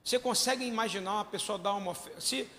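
A man preaching a sermon, questioning his congregation and swelling to shouts. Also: sits high, fast talker, big-room sound. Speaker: pastor.

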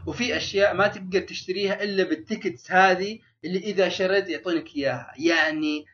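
A man talks in casual chat at a quick clip, his voice sitting a little high. He rambles and restarts his sentences often. The recording sounds dull and lo-fi. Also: fairly bright tone.

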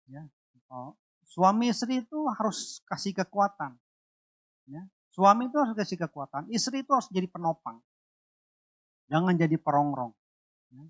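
A man preaching a sermon and giving his own testimony, emotional and repetitive, swinging between loud and soft. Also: high voice, very animated, moderate pace, pauses often.

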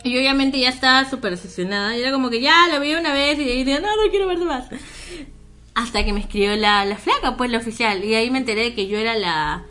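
A woman's voice: on the high side, racing, hardly any pauses, sharp tone, faint music behind. A woman, co-hosting a casual chat and telling a personal story in a candid, self-mocking way with frequent laughs.

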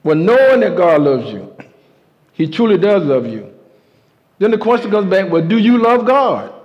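A man's voice: high-pitched, big pitch swings, normal speed, darkish tone. A man preaching a sermon to his congregation, emphatic, with call-and-response. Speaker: pastor. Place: church sanctuary. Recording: muffled sound with a long hall reverb.

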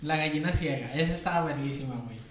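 Animated young Mexican man, echoey room. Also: fairly high pitch, fast talker, a little hiss or hum. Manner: animated joking, stammering restarts, heavy slang. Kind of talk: casual chat.

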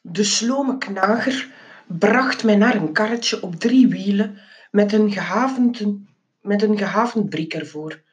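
A woman reading a children's book aloud, expressive and with small slips and restarts. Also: mid-range voice, takes it slowly. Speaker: reader.

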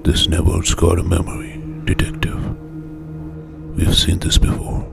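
A man voicing a wary, hardened street eyewitness with a gravelly voice, over music. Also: low-pitched, wildly swooping pitch, measured pace, heavily acted. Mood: guarded. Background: music bed.

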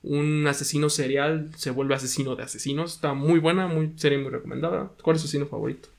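A man's voice: fairly high pitch, steady tone, fast talker, creaky, a little mellow. A young man co-hosting a casual true-crime podcast, rambling and hesitant with casual swearing. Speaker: podcast co-host.

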